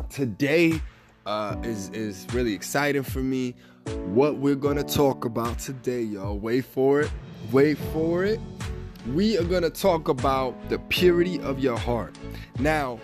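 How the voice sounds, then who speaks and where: A man hosting a faith podcast, upbeat and casual, often saying "man" and "y'all", with a stuffy, slightly raspy voice. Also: mid-range voice. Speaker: podcast host.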